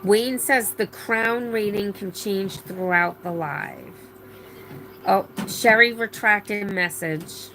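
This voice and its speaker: A middle-aged livestream host with a mid-range voice that sounds pushed and bright speaks slowly, still a little strained after laryngitis. She chats and rambles while reading viewer comments aloud, with plenty of fillers and restarts, over a rough recording with slight background noise.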